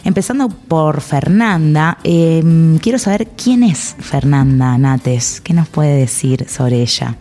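A woman hosting a podcast, speaking in a measured, formal way. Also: low-pitched, warm tone, faint music behind. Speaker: podcast host. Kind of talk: podcast intro and interview.

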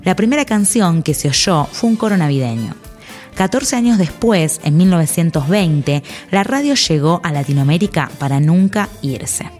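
A woman hosting a podcast, speaking in a measured, formal way. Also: on the low side, lively intonation, darkish tone, soft background music. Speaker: podcast host. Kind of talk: podcast intro and interview.

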